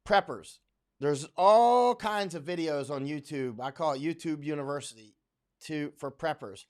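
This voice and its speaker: Rambling man with a higher voice. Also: unhurried. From Central Florida, USA. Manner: rambling, with many fillers and restarts. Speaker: host answering viewer comments. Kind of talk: casual livestream talk. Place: home in Thailand.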